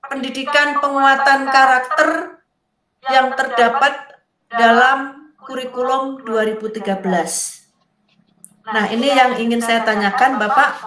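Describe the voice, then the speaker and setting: Formal, polite woman participant heard over a cutting-out call line, bright and unhurried. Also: high voice. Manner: formal and courteous, long greetings. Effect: choppy, breaking-up online call audio. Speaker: training participant asking a question. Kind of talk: formal, polite question in an online session. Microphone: remote call microphone. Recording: distant, echoey call audio that cuts out.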